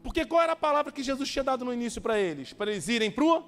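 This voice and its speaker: A man's voice: very high voice, big pitch swings, racing, a bit bright, big-room sound, soft background music. A man preaching as a pastor, telling stories with acted-out dialogue and urging his listeners on. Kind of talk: sermon.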